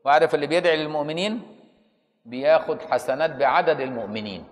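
A man's voice: fairly high pitch, quick pace, long reverb tail. A man with an Egyptian accent teaching Islamic jurisprudence in a conversational lecture, often stopping to ask the students if they follow. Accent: Egyptian Arabic.

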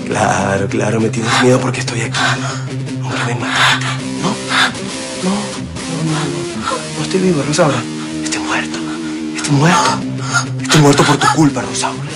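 A man's voice: mid-range voice, big pitch swings, moderate pace, pauses often, loud music behind the voice. An actor playing the vengeful ghost of a murdered man in a telenovela, taunting and menacing. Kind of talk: telenovela acting.

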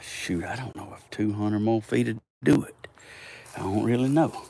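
A man with a Southern US accent and a slow, folksy drawl, chatting casually to viewers as he vlogs outdoors. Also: lowish voice, creaky, warm tone, a little hiss or hum. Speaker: vlogger. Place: outdoors, rural yard and woods.

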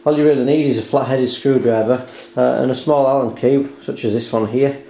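Seated at a home dining table, a man walks through a hands-on repair step by step, explaining carefully and unhurriedly. His warm, medium-pitched voice runs a little fast with fairly even intonation. Roomy echo, background hiss, and handling clicks color the recording.

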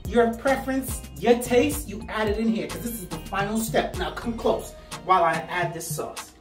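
A woman's voice: medium pitch, normal speed, reverberant, distant mic, music in the background. A woman hosting a home cooking video, chatty and playful as she talks viewers through each step. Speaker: cooking channel host. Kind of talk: casual cooking demonstration.

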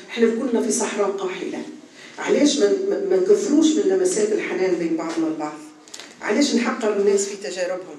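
A woman's voice: medium pitch, warm tone. Earnest Tunisian woman teaching morals, heard from afar in a very echoey hall. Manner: earnest, exhorting, repeats for emphasis. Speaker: religious teacher. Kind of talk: religious lecture on ethics. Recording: echoey hall, far from the mic, faint noise.

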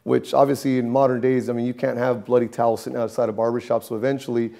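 Barber guy in his 30s, dark mellow voice, talks with his hands in the shop. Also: mid-range voice, quick pace, gravelly. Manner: animated storytelling, gesturing. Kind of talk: documentary interview. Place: barbershop interior.

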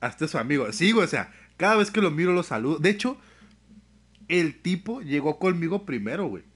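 This young Mexican streamer speaks fast in a fairly high voice with a breathy edge. Chatting casually, he spins animated stories packed with slang and curse words, his accent clearly Mexican Spanish.

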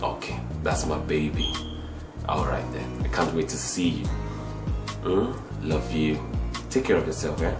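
A smooth-talking ladies' man, very deep and murmuring as he placates a lover. His voice rings in an echoey room with music behind. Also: steady tone, measured pace, long pauses. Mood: placating.

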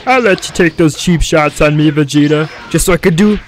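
A man's voice: on the high side, brisk, a little hiss or hum, close to an everyday voice. A man doing an impression voice of a big, playful, vain cartoon villain, taunting in a childish way. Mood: mocking. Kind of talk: cartoon villain impression over fighting game.

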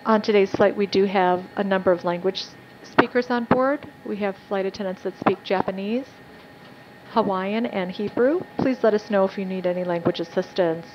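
A woman working as flight purser, giving courteous, scripted announcements over an airliner's cabin loudspeaker. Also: medium pitch, moderate pace. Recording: muffled PA with cabin hum.

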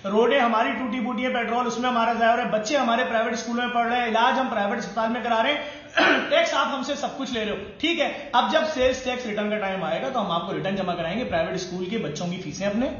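Indignant young man, very high-pitched. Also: fairly bright tone. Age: young adult. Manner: indignant, lists items one by one while holding them up. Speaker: citizen making a complaint video. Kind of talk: impassioned rant to camera. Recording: very echoey, dull lo-fi phone video.

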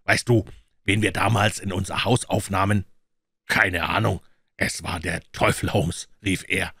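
A distressed young man who pleads in an urgent, anguished voice, read by a man. The tone is low and husky, in a dry, close recording. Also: fairly even intonation, unhurried, pushed and bright, dry recording, heavily acted.

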